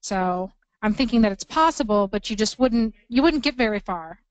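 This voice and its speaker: A woman co-running a workshop who reads out questions from online viewers in a brisk, informal way. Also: mid-range voice, animated, no echo, low-quality recording. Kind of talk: relaying questions in a live workshop. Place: training room.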